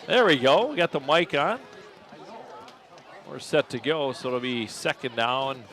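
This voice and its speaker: A man doing play-by-play commentary for a local radio football broadcast. He calls the action steadily, gets louder and higher when a play breaks open, and corrects himself out loud as he goes. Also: a little slow. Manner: steady play calling that jumps up in pitch and volume on big plays; thinks aloud and corrects himself on the spot. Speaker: play-by-play announcer.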